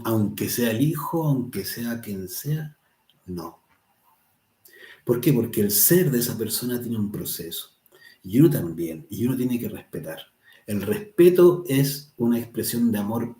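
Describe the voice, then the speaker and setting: A man's voice: medium pitch, dark tone, echoey room. A man teaching a spiritual lesson, talking conversationally, often tagging "¿cierto?" and quoting people. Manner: conversational, tags "¿cierto?" often, quotes people in little voices. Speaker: course teacher. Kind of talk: spiritual lesson answering a student.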